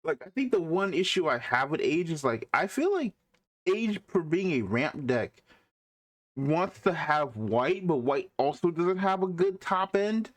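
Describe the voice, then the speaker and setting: A man's voice: on the high side, very animated, a little slow. A man co-hosting a casual podcast chat, teasing and incredulous as he talks. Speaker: podcast co-host.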